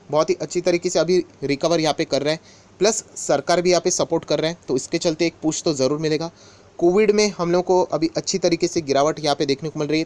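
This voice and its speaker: A man with a slightly higher than usual voice walks his viewers through stock market news in a relaxed, talkative way. He addresses them directly as friends and falls back on the same filler phrases again and again. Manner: conversational, mixes English words into Hindi, repeats filler phrases. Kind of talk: casual explainer talk to viewers.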